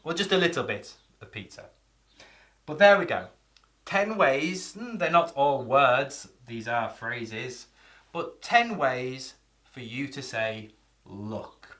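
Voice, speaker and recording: Male teacher, chatty lesson delivery, bright forward tone. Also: mid-range voice. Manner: chatty, explains with spoken examples. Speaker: English teacher. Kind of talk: casual video lesson.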